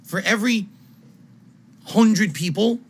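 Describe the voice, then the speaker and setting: A man's voice: high-pitched, slow, husky. A man ranting wildly on a live stream as a game streamer, exasperated, confrontational and repetitive, with emphatic swearing. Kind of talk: angry rant on a live stream.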